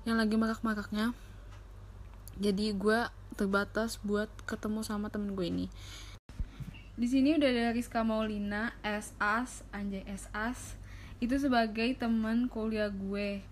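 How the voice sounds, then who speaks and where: A woman's voice: medium pitch, steady tone, measured pace, a little hiss or hum. A young woman hosting a casual, slangy podcast, with an impediment that slurs her r sounds. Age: young adult. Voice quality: slurred r sounds, a speech impediment. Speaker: podcast host.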